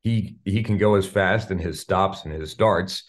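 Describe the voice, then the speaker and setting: A deep-voiced man speaking at a measured pace, a radio play-by-play announcer, gives wordy hockey analysis as a guest in a sports interview. He often repeats words while searching for the next phrase.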